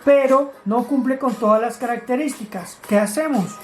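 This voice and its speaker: A woman's voice: on the high side, moderate pace, a little mellow, soft background music. A woman teaching grammar, explaining rules step by step in a patient way and asking her students questions. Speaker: English teacher.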